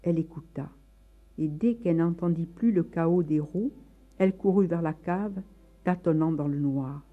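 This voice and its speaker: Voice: medium pitch, moderate pace, narrow, tinny audio. A storyteller reading a story aloud in a dramatic, emotive way. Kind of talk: expressive read-aloud narration.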